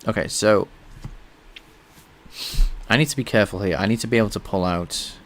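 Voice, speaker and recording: On his live-coding stream, a native English-speaking man thinks out loud while programming and fields questions from chat in a relaxed tone. His fairly low, fairly bright voice moves at a normal speed, with slight background noise present.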